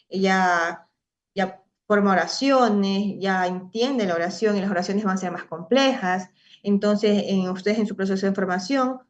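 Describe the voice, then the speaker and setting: A middle-aged woman teaching a class, explaining step by step and often checking in with her students. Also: medium pitch. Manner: explanatory, often tags ¿verdad?. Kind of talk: online class lecture. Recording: slightly dull lo-fi audio.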